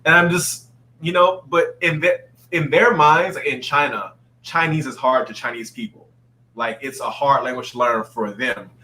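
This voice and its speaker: A man's voice: mid-range voice, normal speed, rough recording. A man raised in Saudi Arabia, a dancer guest telling stories in a casual interview and acting out quoted people. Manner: animated storyteller, acts out quotes.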